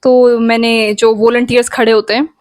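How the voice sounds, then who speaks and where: A young woman chats through a storytime vlog, playful and talking straight to her viewers. Her voice sits a little high, and the recording is dry and close. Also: level tone, moderate pace, a little mellow, dry recording. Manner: chatty, playful, addresses viewers directly. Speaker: vlogger. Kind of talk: casual storytime.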